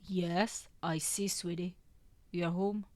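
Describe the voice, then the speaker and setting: A woman voicing a grieving young father who speaks gently in a soft, hushed voice. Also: on the low side, steady tone, normal speed, natural voice. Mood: tender.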